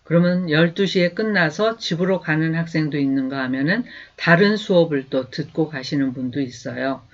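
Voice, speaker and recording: A man teaching a beginner language lesson, patiently drilling sentences slowly and repeating them, with an encouraging manner. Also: a little high. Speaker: English teacher. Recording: dull lo-fi recording.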